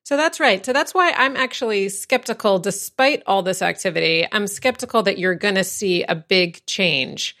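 A woman's voice: mid-range voice, moderate pace, few pauses, bright, forceful tone. A woman speaking as an expert guest in a radio interview. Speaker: business editor, interview guest.

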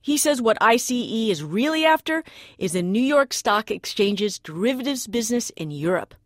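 A woman's voice: fairly high pitch, very animated, moderate pace, dry recording, clean studio sound. A woman with an American accent narrating a scripted news report as a radio reporter. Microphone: close studio microphone.

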